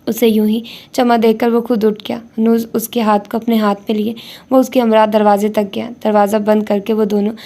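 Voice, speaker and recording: A woman narrates a romance novel in a steady, even reading voice. Her pitch stays flat and narrow. Her tone is dark and mellow. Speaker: audiobook narrator.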